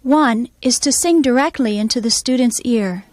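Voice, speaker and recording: Woman music teacher explaining stuff, kinda high voice, dry, steady and measured. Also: no echo. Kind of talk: instructional voice-over narration.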